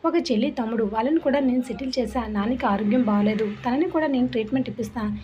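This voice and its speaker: Brief: woman doing a calm, defiant, arrogant young man, faint hiss behind. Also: on the high side, close to an everyday voice. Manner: slow, calm and unyielding.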